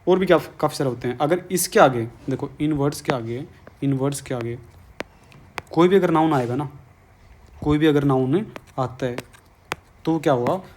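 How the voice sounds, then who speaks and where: A man's voice: fairly high pitch, normal speed, long pauses, darkish tone, a little hiss or hum. Coaxing Hindi-accented male grammar teacher. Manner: coaxing, repeats questions to students. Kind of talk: exam-prep grammar lesson.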